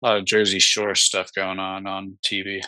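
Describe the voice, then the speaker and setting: A man's voice: deep voice, monotone, moderate pace, pushed and bright, no echo, poor audio. A man co-hosting a podcast over a video call, chatting casually with dry, offhand quips. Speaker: podcast co-host. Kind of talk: casual chat.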